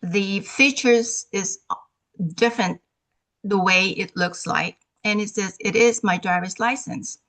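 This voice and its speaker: A woman caller asking a question over a call whose audio keeps breaking up and cutting out, talking in halting phrases with restarts. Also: mid-range voice, a bit bright. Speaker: caller, notary. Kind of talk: call-in question on a live online show.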